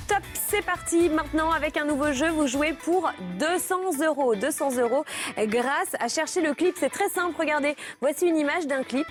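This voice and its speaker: A woman hosting a TV quiz game show, upbeat and speaking directly to viewers at home, with presenter patter. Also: high-pitched. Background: music.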